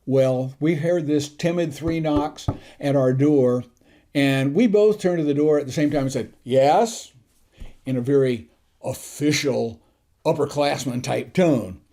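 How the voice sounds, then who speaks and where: Older male host recalling old stories; warm, mellow tone, a bit high, easygoing and gentle. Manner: gentle, unhurried anecdotes with soft chuckles. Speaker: tutorial channel host. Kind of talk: reminiscing storytelling.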